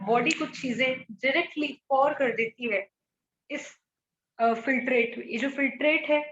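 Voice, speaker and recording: A woman's voice: high voice, roomy sound, dull audio. A woman teacher explaining a biology lesson, switching between Hindi and English and asking her students rhetorical questions. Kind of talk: online biology lecture.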